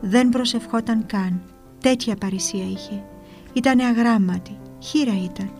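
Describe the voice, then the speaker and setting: Calm woman reading devotional text. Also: a little high. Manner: calm, measured, reverent reading. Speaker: narrator of a religious book. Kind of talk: devotional reading over soft guitar. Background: soft guitar music.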